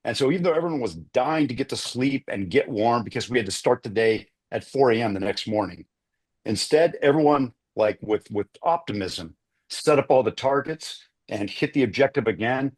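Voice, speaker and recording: A man's voice: medium pitch, expressive, normal speed, a little mellow. A man, a retired army officer, telling a long story on a video panel, rambling with many uhs and restarts. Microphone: video call.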